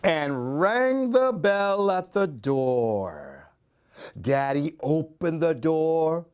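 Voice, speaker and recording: For a library program, a man reads a picture book aloud to young children, his delivery slow and sing-song. His pitch is very lively, rising and dipping, and his tone is clear and resonant. He speaks directly to his little listeners in this expressive story reading.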